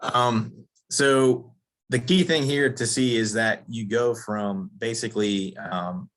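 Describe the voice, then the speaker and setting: A man giving a technical lecture on weed control, losing his voice and often clearing his throat, halting with fillers. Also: mid-range voice. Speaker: turf science presenter.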